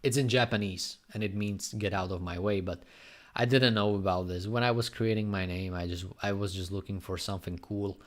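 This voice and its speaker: A man from Slovakia with a Slovak accent, chatting casually on a live stream and answering viewers' questions in a rambling, unhurried way. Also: on the low side, fairly even intonation. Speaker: graffiti artist live streamer.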